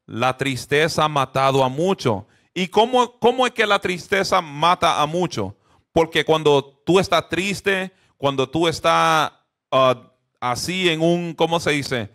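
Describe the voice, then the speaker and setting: Animated man leading a Bible class. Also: on the high side, a little slow. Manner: keeps checking in with listeners; drops English fillers into Spanish. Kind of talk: interactive bible lesson.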